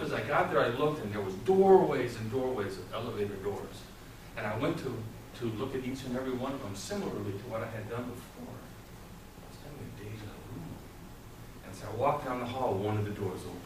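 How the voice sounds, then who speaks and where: Competing in a club storytelling contest, a middle-aged man with a mid-range voice tells a theatrical tall tale to a live crowd, pausing and repeating himself in a dramatic, deliberate way. He stands in a small indoor meeting room with a whiteboard and an audience. The far camera microphone leaves the recording distant, echoey and clearly noisy.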